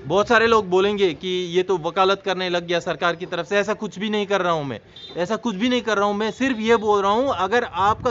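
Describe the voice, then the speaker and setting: A man's voice: high-pitched, a bit bright. A man hosting his own video channel, earnestly explaining an issue and addressing viewers as friends. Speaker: YouTube channel host. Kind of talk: informational vlog address. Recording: slightly dull sound with faint noise.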